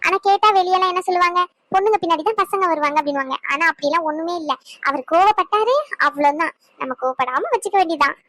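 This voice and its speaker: A woman's voice: very high-pitched, fast talker, a bit bright, no echo. A woman voicing an earnest young cartoon wife. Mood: confiding. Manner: explaining, earnest. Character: young wife, calm and patient. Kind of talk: cartoon voice acting.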